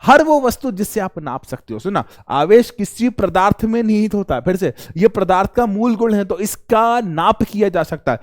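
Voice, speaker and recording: High-voiced joking male physics teacher. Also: lively intonation, moderate pace, hardly any pauses. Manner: playful, joking, repeats questions to students. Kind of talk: energetic classroom lecture. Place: recording studio.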